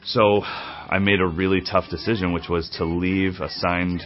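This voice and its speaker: A man's voice: sits low, little pitch movement, unhurried, soft background music. A man in his forties, a drum teacher, telling his story in a candid, reflective documentary interview, seated in an indoor drum studio. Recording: slightly dull, muffled audio.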